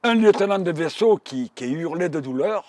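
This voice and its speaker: A very old man with a thick Marseille accent recounts his memories in vivid, halting bursts, often repeating himself. His voice sits fairly high and swings widely in pitch. The sound is dry and close. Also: expressive, a little mellow, no room sound. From Provence, France. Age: 90s. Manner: vivid storytelling with repetitions. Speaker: war veteran witness. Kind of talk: oral history testimony.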